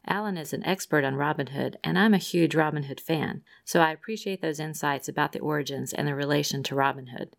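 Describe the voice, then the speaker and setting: A woman with a low voice and a gravelly edge reads listener messages as co-host of a podcast. She stays upbeat and leans into the quoted lines with lively emphasis. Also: a little fast, few pauses. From Rhode Island, USA. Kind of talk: reading listener mail.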